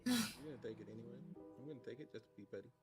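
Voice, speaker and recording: A man's voice: mid-range voice, very animated, rapid-fire. A man playing in a tabletop game, joking and playfully petty. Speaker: player. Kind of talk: casual tabletop game chat. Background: background music.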